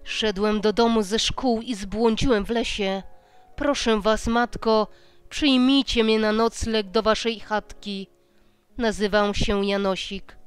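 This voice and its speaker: A woman voicing a young male student wanderer who speaks in a steady, unshaken way, in a slow storybook reading. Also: medium pitch, smooth, no room sound, soft background music, close to an everyday voice. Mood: resolute.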